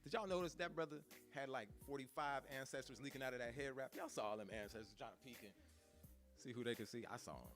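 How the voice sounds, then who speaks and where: A man's voice: mid-range voice, fast talker, fairly bright tone, soft background music. A man serving as MC, casually introducing performers with playful banter aimed at the audience. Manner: playful, joking, talks straight to the audience.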